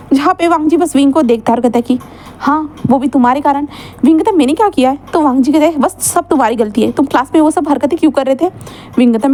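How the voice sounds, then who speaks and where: A woman tells a fan-fiction story in a casual, chatty way and reads the characters' lines in her own voice. Her voice sits high and her pace is quick. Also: darkish tone. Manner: casual, filler-heavy retelling. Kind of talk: fan-fiction story narration with quoted dialogue.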